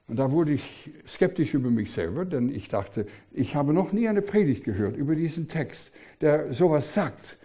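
Mellow-voiced older male preacher. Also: on the high side, very animated, normal speed, hardly any pauses. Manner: emphatic, rhetorical questions, frequent hesitations. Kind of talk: sermon.

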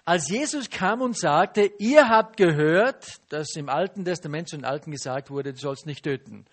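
A man preaching a teaching sermon, lively and asking the listeners questions. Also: fairly high pitch, normal speed. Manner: lively, asks the audience questions and acts out quotes.

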